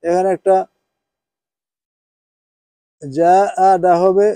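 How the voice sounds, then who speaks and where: High-voiced man teaching a class. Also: fairly even intonation, very slow, mellow, clear, resonant tone, no room sound. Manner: checks with students, asks "হ্যাঁ?" often; switches between Bengali and English, spells Arabic out. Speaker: Quran teacher. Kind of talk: informal class lesson.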